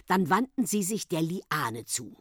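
A woman narrating a storybook reading with an expressive, animated delivery. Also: fairly low pitch, a little slow, no room sound, studio quality.

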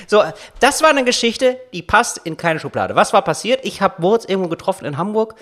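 High, lively-voiced man teasing his co-host. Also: a little fast. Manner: playful, teasing, laughs often. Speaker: podcast co-host. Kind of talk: casual podcast chat.

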